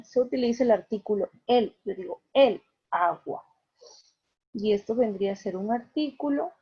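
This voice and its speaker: Slow-talking husky woman teacher. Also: on the high side. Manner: patient, explains step by step, often asks "¿cierto?". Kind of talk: online class lecture. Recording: dull lo-fi recording.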